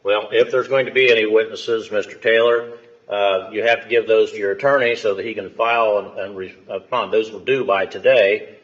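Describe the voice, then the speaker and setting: An American man speaking as a judge, stern and lecturing, with halting pauses, questioning and admonishing in a courtroom. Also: on the low side, steady tone. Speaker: judge presiding over a hearing. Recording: muffled courtroom audio.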